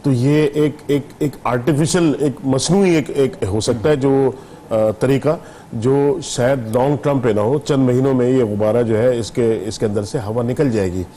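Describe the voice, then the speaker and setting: A middle-aged man from Pakistan, a business leader guest on a TV talk show, arguing his case in a measured, explanatory way. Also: medium pitch, dark tone, a little hiss or hum. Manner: measured, explanatory, argues patiently.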